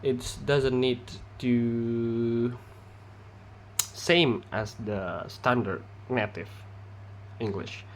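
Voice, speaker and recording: Pausing and starting over repeatedly, a young Indonesian student delivers a class presentation in non-native, accented English. His voice is medium-pitched and steady, with a little background hiss or hum.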